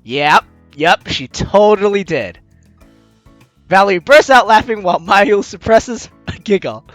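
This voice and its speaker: An expressive, unhurried let's player with a medium pitch and a slightly bright tone reads the game's story aloud and cracks teasing jokes. There's no room sound, just game music underneath.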